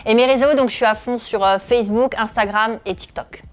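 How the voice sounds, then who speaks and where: Her voice sits on the high side and moves a little fast. She is a thirties-aged comedian and video creator from northeastern France, answering interview questions with hesitation and lots of filler sounds.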